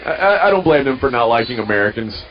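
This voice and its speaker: A man's voice: medium pitch, lively intonation, fast, muffled recording. A man co-hosting a radio show, cracking sarcastic wisecracks. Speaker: radio co-host. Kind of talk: casual banter.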